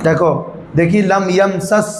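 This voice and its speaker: A male Arabic grammar teacher, drilling his students with quick questions in a patient classroom manner. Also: sits high, fairly even intonation, roomy sound, slight background noise, low-quality recording.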